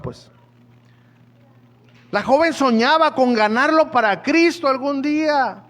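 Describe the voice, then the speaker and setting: A man's voice: extremely high pitch, fairly bright tone. A man preaching a sermon in a chatty, joking way, often asking his listeners questions. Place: church hall. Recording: echoey church hall.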